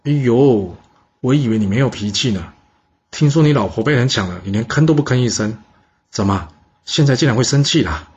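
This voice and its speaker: A man's voice: mid-range voice, expressive, brisk, a little mellow, muffled recording, slight background noise, close to an everyday voice. A man doing a sly, vengeful nobleman. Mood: teasing. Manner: sly, teasing. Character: vengeful cunning young nobleman, male.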